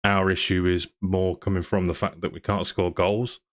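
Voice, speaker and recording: Chatty podcast host, lowish voice. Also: male voice, level tone, normal speed. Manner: chatty, reads out viewer comments and asks questions. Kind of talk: casual football chat.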